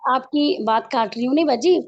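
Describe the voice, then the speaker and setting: High-voiced woman, mother asking for advice, hesitant, dry lo-fi sound. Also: a little fast, a crowd in the background. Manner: hesitant, explains with examples. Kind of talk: questions in an advice session.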